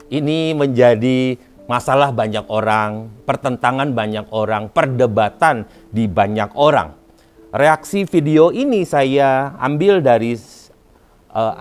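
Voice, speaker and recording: A man hosting a reaction show about preaching, speaking deliberately with occasional fillers. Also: medium pitch. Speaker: host. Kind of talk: reaction commentary.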